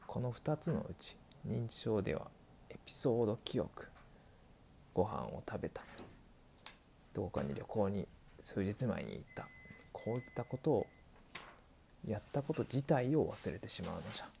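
A man's voice: lowish voice, sing-song, moderate pace, gravelly, pauses often, dark tone, slight background noise. A man voicing an elderly male doctor who patiently explains, dragging out his old-fashioned sentence endings. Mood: explaining. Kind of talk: scripted explainer dialogue.

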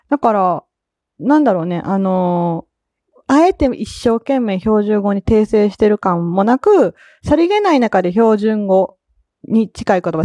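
A woman with a Kansai accent chatting casually on her own podcast, laughing often and filling pauses as she goes. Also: medium pitch, warm tone, no room sound. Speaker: solo podcast talker. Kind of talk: casual solo chat.

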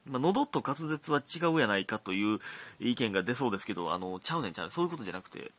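Chatty Kansai-accented man, low lively voice. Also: rapid-fire, no room sound. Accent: Kansai Japanese. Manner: chatty, laughs often, drops to mutters and whispers. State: slightly hoarse throat. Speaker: podcast host reading listener letters. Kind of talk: casual solo chat.

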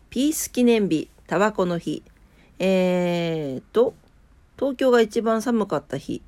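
A woman's voice: on the low side, a little mellow. A woman with a nasal, stuffed-up, drowsy voice, chatting casually as she reads out a morning bulletin. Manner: drowsy, unpolished. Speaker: host of a daily morning weather and today-in-history show. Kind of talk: casual chat mixed with reading weather and trivia notes.

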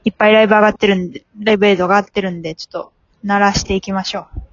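A woman's voice: mid-range voice, steady tone, very fast, dull audio. A woman with a Kansai Japanese accent chatting casually as a comedian co-host, bantering and echoing phrases back. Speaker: comedian co-hosting a podcast. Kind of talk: casual two-person chat.

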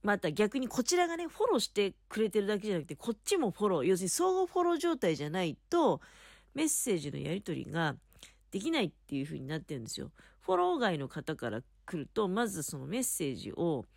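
A woman's voice: mid-range voice, big pitch swings, fast, vocal fry, darkish tone, no echo, studio quality. A woman chatting casually on her own as a podcast host, talking in a chatty, polite, explanatory way from under the covers in bed. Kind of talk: casual solo chat. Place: in bed under a futon at home.

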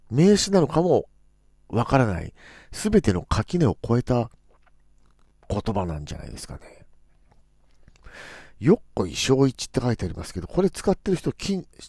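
Playful man with wildly jumping pitch. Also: creaky, warm tone, husky, no echo, studio quality. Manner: playful, musing, acts out quoted phrases in jumping pitch. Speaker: podcast host. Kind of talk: casual solo talk.

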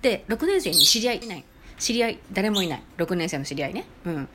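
Speaking quickly in a lowish voice, a middle-aged woman hosts a solo podcast and chats through personal stories, acting out quoted voices with lively energy. The recording is very noisy.

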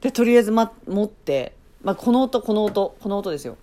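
Animated woman telling a story casually. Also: medium pitch, fairly quick, slight background noise. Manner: animated, acts out sound effects and her own reactions; chatty, self-interrupting with playful asides. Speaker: podcast host.

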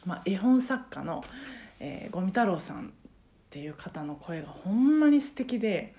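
A woman's voice: medium pitch, sing-song, moderate pace, dark tone. A woman with a Kansai accent, a karaoke teacher talking casually and at length on her own podcast, rambling with many fillers. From Japan. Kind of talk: casual solo podcast chat.

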